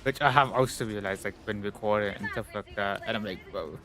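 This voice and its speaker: A man's voice: fairly low pitch, fast talker, bright, forceful tone. Rambling streamer guy, faint music behind. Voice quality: sounds a bit stuffy-nosed. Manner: rambling, filler-heavy, full of "like" and "you know". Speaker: live streamer. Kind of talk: casual chat while gaming on stream.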